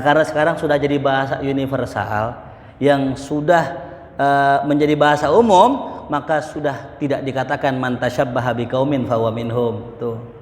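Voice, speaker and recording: A man gives a mosque study lecture, joking and acting out market banter. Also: mid-range voice. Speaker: religious teacher. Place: mosque hall. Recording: echoey mosque hall.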